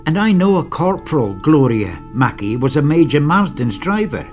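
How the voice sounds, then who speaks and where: A man's voice: on the high side, sing-song, a little mellow, faint music behind. Man reading as a hesitant young soldier. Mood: earnest. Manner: hesitant, halting, repeats words. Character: young male soldier delivering grave news.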